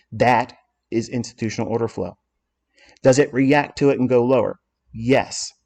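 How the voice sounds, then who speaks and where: A man's voice: medium pitch, a little mellow. A man walking through trading charts in a lesson, blunt and self-assured as he explains what he authored. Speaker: trading educator.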